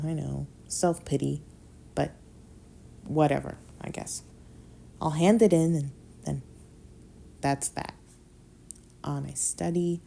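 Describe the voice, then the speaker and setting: Low, gravelly woman reading a novella. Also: mellow, a little hiss or hum. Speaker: audiobook reader. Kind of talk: reading a novella aloud, acting out both sides of a dialogue.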